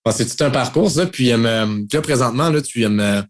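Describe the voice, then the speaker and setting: A man's voice: medium pitch, expressive, a little fast. A man with a Québécois accent hosting a casual podcast interview, friendly, with many fillers. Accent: Québécois French. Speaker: podcast host.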